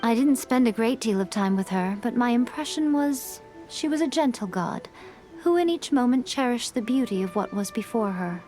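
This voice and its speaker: Here a fairly high, lively-intoned female voice plays a sly, teasing fox-spirit woman in a game, poised and calm throughout. She speaks at a moderate pace in a fairly ordinary voice while music plays behind her.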